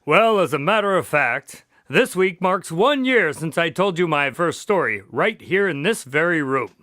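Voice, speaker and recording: A man's voice: on the high side, lively intonation, moderate pace, bright, forceful tone, no echo, clean studio sound. A man playing a courteous, easily flustered doctor and storyteller in a radio drama, with a polite, old-fashioned, theatrical manner. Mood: genial. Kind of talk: radio drama acting and narration.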